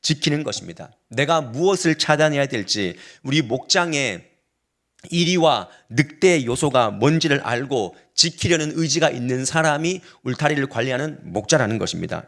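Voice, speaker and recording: A man, a pastor, preaching a sermon to his congregation in an explanatory way and putting questions to the listeners. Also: mid-range voice.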